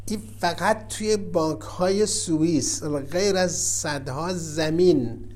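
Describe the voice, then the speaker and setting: Man preaching a storytelling sermon. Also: a little high. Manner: storytelling, swings from soft asides to emphatic exhortation. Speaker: cleric.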